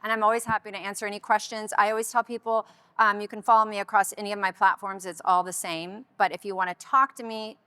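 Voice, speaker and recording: Woman, thirties, bright voice, enthusiastic, chatty, panel guest. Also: medium pitch, level tone, fast talker, few pauses, smooth, dry recording. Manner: enthusiastic, chatty, frequent restarts. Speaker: guest, upcycling designer. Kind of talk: conversational panel interview.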